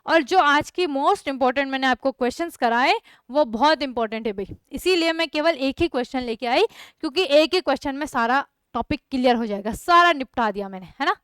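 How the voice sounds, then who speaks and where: A woman's voice: sits high, moderate pace, a bit bright, no room sound. A young woman teaching a chemistry lesson online, often asking her students questions and checking that they follow along. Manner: repeats questions to students, frequent checks like "thik hai". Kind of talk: online class lecture.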